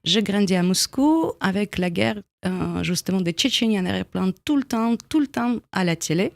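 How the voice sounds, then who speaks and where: Russian-accented woman with a gravelly voice. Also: mid-range voice, lively intonation, no room sound. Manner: thoughtful, halting, with many pauses and small grammar slips. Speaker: guest, documentary filmmaker. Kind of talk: radio interview. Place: radio studio.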